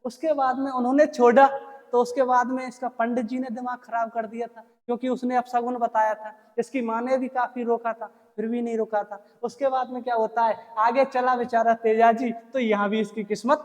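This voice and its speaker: A teacher tells a story as a lesson, constantly asking the class quick questions and answering them. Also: medium pitch, flat delivery, darkish tone, in a large hall.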